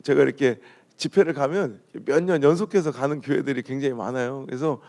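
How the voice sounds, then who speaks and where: A man's voice: medium pitch, quick pace. A man from Chungcheong preaching at a dawn revival service, telling humorous stories and mimicking the way people talk. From Chungcheong, Korea. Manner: storytelling, mimics regional dialogue, lively jokes. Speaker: pastor. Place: church sanctuary.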